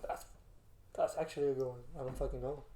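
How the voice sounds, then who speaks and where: A man's voice: mid-range voice, fairly even intonation, quick pace, warm tone. A young man chatting casually like a laid-back stoner, slangy and full of swearing. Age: young adult. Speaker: co-host. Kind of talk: casual chat. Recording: roomy, echoing indoor sound.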